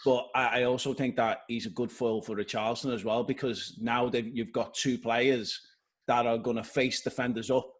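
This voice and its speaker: A man's voice: medium pitch, steady tone, moderate pace. A man co-hosting a football podcast, explaining tactics at length in casual chat. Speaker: podcast co-host.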